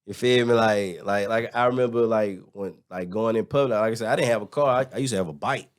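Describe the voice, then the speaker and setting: A man's voice: lowish voice, fast talker, clear, resonant tone. Casual man telling stories, lots of "like". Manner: animated storytelling, lots of "like" and restarts. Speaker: guest, former teacher abroad. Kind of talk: casual chat.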